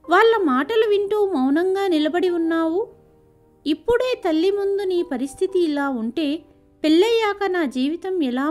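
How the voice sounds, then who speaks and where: A woman voicing a proud, offended young woman who shouts at her fiancé. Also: very high-pitched.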